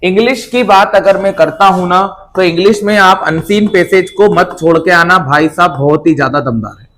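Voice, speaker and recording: Male teacher, fairly high voice, casual reassuring exam tips, repeats checks with listeners. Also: moderate pace, a bit bright. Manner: informal, reassuring, repeats points with "है ना". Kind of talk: exam advice lesson to students.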